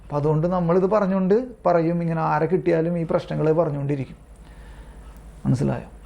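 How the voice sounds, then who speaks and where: A man's voice: fairly high pitch, steady tone, brisk, vocal fry, dark tone, highs cut off. A man leading an online prayer group as a lay preacher, reading religious texts aloud and explaining them in an informal, repetitive way, often checking whether listeners understand, heard over a video call. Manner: repetitive, keeps asking listeners if they understand.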